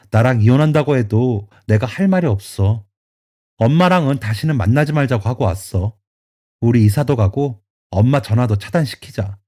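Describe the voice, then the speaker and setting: A man's voice: medium pitch, dark tone, lightly acted. A man plays a young husband torn between his wife and his mother in a storytelling radio drama. He speaks in a pleading, near-tearful way, slightly raised above a plain voice.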